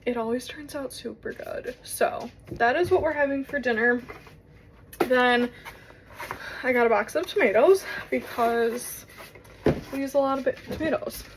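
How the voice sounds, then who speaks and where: Her voice sits high and unhurried as this young woman vlogs casually into her phone, wandering along chattily and filling gaps with "um"s and "like"s. Vehicle noise makes the recording noisy.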